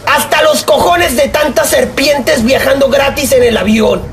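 A young man with a Mexican accent giving live gameplay commentary, swearing, joking in rambling asides and yelling at opponents. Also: very high voice, unhurried, creaky. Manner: profane, excitable, yells at opponents. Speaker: gaming YouTuber.

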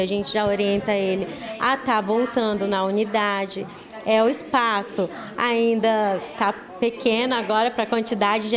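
A middle-aged woman with a Brazilian accent, a staff spokesperson for a municipal pharmacy, gives an explanatory interview answer at medium pitch, sometimes repeating words. She speaks indoors in a small, busy pharmacy office into a handheld reporter's microphone, with busy room chatter behind her.

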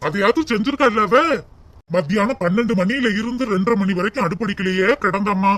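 A man's voice: high-pitched, a little fast, fairly bright tone. A man voicing a patient adult son who pleads with his mother in a cartoon comedy. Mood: pleading. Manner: pleading, placating.

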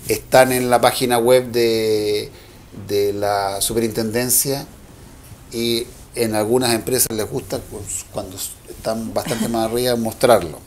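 A man's voice: medium pitch, steady tone, unhurried, a little hiss or hum. A man, an electricity regulator official, explaining technical matters in an interview with fillers and self-corrections.

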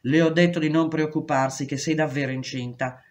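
A woman reading aloud, voicing a calm, practical lawyer who reassures her client. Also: low voice, a little fast, lightly acted. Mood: reassuring. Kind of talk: audiobook reading.

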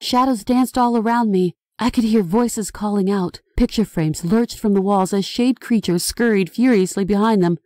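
A woman author reading her own horror novel aloud as audiobook narration, in a dramatic, expressive style. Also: mid-range voice, moderate pace, hardly any pauses, no room sound, studio quality.

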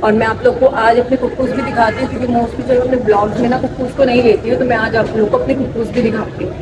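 Heavy background noise from a loud crowd nearly competes with this young woman as she vlogs through her home's rooms and kitchen. She speaks fast, on the high side with little pitch movement, chatting straight into the phone camera held at arm's length.

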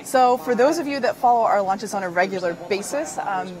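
A woman's voice: medium pitch, animated, brisk, crowd noise, low-quality recording. A woman hosting live launch commentary, explaining things in a conversational way. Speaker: webcast host.

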